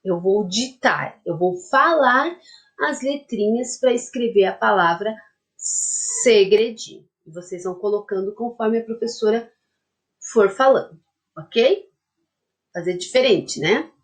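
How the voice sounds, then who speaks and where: Teaching a group of young children, this woman speaks in a mid-range, expressive voice at an unhurried pace. She patiently dictates a word one syllable at a time, sprinkles in lots of diminutives, and keeps asking "tá?" to check the class is following.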